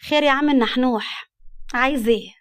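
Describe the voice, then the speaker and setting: A woman's voice: high voice, fast, lightly acted. A woman voicing a brash, sarcastic young woman with an Egyptian accent. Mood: sassy. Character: sassy sharp-tongued young woman.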